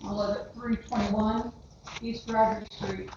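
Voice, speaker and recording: A woman resident speaks slowly and hesitantly at public comment, pausing between phrases. She is picked up from far off in a very echoey room. Noise runs underneath. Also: mid-range voice, little pitch movement, lo-fi sound. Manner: hesitant, with pauses. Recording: distant echoey room, noisy.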